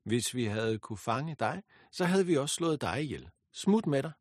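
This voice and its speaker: A man's voice: medium pitch, animated, a little mellow, slightly rough, no room sound, clean studio sound. A man voicing a loyal young warrior companion with an earnest, direct manner. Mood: bold. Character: loyal young male companion, bold then fearful.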